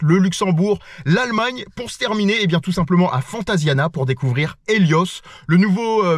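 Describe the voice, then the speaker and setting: This French vlogger's voice is high and a bit bright, sounding studio-clean with no room sound. Stuffy-nosed and playful, he chats to an action camera in his car on a road trip, calling his viewers "les loulous" again and again.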